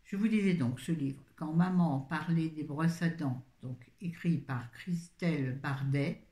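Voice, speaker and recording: A woman's voice: low voice, measured pace, mellow, echoey room. An older woman chatting casually on a live video, reviewing a book in a rambling, easily sidetracked way, speaking into a phone.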